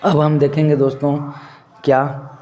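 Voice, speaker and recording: A male teacher giving a lesson, who asks his students questions, answers them himself and repeats key terms slowly. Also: a little high, level tone, warm tone. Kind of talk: classroom-style lesson.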